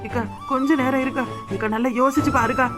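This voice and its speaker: A woman's voice: sits high, fairly even intonation, fast, natural voice. A woman voicing a village aunt in a cartoon, pleading and reassuring in a Tirunelveli Tamil accent. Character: consoling village aunt, a younger sister-in-law. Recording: cartoon dub with music underneath.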